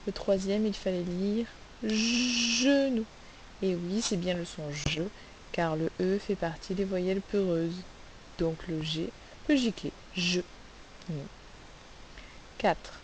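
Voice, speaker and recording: A woman teaching a phonics lesson, sounding out letters and syllables slowly and asking the class questions. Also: lowish voice, steady tone, darkish tone, low-quality recording. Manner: slow, carefully spelled-out sounds, asks questions. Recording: faint hiss.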